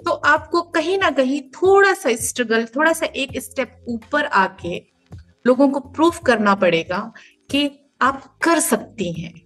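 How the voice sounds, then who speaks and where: A woman's voice: high voice, expressive, measured pace, fairly bright tone, soft background music. A woman in her thirties, a mother and podcast guest, giving earnest, emphatic advice and explaining it through everyday comparisons. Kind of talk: podcast interview answers.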